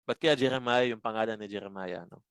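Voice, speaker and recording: A man teaching a Bible study lesson, explaining slowly and asking his listeners rhetorical questions. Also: lowish voice, fairly bright tone, clear, resonant tone, no echo. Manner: slow, explanatory, asks rhetorical questions often.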